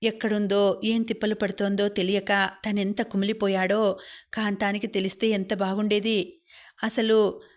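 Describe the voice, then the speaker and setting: Woman audiobook narrator; steady, flat storytelling voice. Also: medium pitch, moderate pace. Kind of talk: scripted narration of a novel.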